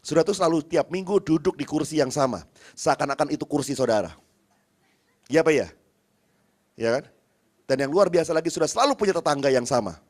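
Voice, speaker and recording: Man preaching a lively, humorous sermon. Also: a little high, fairly quick, pauses often. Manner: lively storytelling, often calls out to the congregation; humorous, acts out little dialogues. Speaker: pastor.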